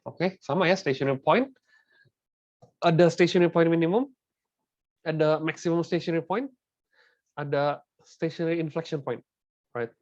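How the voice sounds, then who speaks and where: A man's voice: on the high side, moderate pace, long pauses, a little mellow, no room sound. A young man with an Indonesian accent teaching a maths lesson in a casual, chatty way, often checking that students follow. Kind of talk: classroom lesson mixing Indonesian and English. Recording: dull, dry sound.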